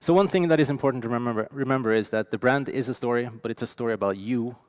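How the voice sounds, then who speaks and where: A man in his forties from Norway with a Norwegian accent, giving a lively, emphatic conference keynote with frequent fillers. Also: mid-range voice, racing. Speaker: keynote speaker. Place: conference stage.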